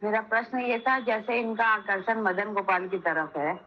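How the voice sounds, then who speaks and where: A woman's voice: medium pitch, steady tone, normal speed, dull audio. A woman in an online class politely clarifying the question she had asked. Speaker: class participant.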